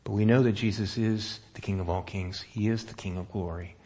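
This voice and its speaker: Guy with a lowish voice giving a sermon, talks casual, keeps asking the crowd stuff. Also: fairly even intonation, a little fast, darkish tone. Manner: conversational, asks the room questions. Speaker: pastor.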